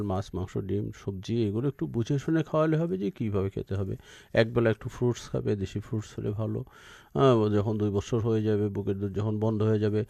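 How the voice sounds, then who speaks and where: Gravelly Bangladeshi man giving expert advice. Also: medium pitch, darkish tone, no echo. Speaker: expert guest answering listeners' questions. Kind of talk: explanatory advice on a radio phone-in.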